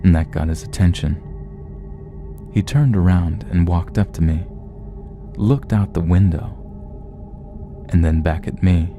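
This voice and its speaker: A man narrating a horror story in a slow, measured, somber way. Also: deep voice. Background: faint music.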